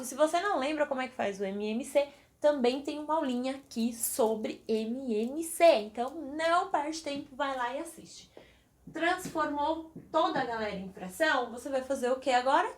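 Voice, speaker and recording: A woman's voice: high-pitched, echoey room. A woman teaching math at a whiteboard in a chatty, encouraging way, asking the viewer questions as she works. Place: classroom with a whiteboard.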